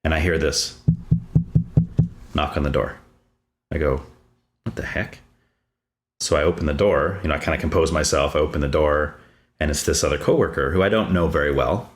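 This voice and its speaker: A man's voice: extremely low pitch, fairly quick. A man hosting a podcast, talking in a casual conversation and telling a personal story with growing animation. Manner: animated storytelling, voice rising when excited.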